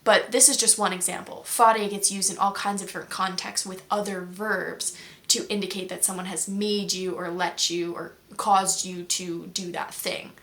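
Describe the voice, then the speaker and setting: A woman's voice: on the low side, flat delivery, normal speed, a bit bright. A woman who hosts a language-learning video channel, chatting casually and explaining patiently with many examples. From United States. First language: English.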